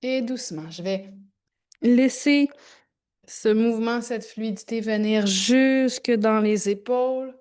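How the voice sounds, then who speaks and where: A woman yoga instructor with a fairly high voice. She speaks very slowly, leaving pauses between short, gentle cues. Her delivery is informal and calm-paced, as if moving through each posture along with the class. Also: clear, resonant tone.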